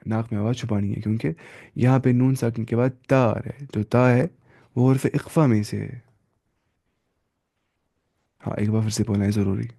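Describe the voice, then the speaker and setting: A man leads a casual online Quran reading class and drills the letters slowly, one by one. His voice is gravelly and mellow, at an ordinary pitch. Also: fairly even intonation. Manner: slow drawn-out letter-by-letter drilling. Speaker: Quran recitation teacher. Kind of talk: live online tajweed lesson.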